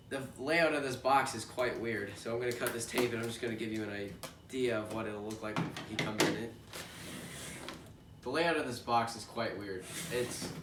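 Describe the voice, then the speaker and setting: A young man, congested from allergies, hosts a toy unboxing in a casual, rambling, chatty way with frequent fillers. His voice is mid-range. The recording is from an echoey room with a distant mic and a noisy background.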